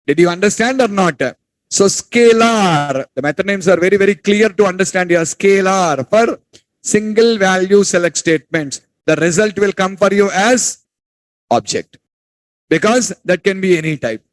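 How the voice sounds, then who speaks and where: A man lectures a classroom, his voice fairly high. He repeats key points and fires questions at the students, turning sharp when they mumble. The sound is dry and close. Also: moderate pace, dry recording, low-quality recording. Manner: repetitive, quizzes students, scolds them for whispering. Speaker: teacher.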